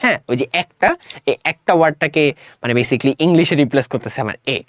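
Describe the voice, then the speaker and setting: A man's voice: medium pitch, animated, fast talker, no room sound, studio quality. A man with a Bangladeshi Bengali accent teaching an online grammar lesson in a casual way, often checking if students follow. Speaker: English teacher.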